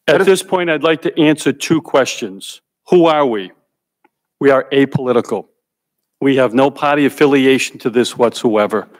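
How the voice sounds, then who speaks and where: Male witness, mid-pitched, firm and deliberate, prepared testimony. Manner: emphatic, deliberate, repeats key points. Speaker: hearing witness. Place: congressional hearing room.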